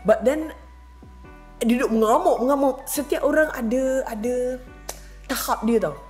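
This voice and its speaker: A married woman tells a personal story to the camera in a relaxed, chatty way, leaping high in pitch when she acts out what people said. Her voice sits fairly high for a woman. Soft music runs faintly underneath. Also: a little slow. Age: adult, married. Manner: animated, acts out quotes with big pitch jumps, mixes English in. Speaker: vlogger. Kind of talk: casual storytelling monologue.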